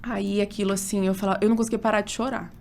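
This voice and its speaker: A woman in her thirties, an obstetrician guest, telling a personal story in a casual interview. She talks in an emotional, animated way, full of fillers. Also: medium pitch, rapid-fire, gravelly.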